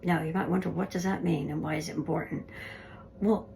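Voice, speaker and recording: A woman's voice: low voice, steady tone, a little fast, gravelly, warm tone, a little hiss or hum. A woman paranormal investigator narrating her ghost recordings in a conversational, earnest way. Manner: conversational, earnest, explaining clips.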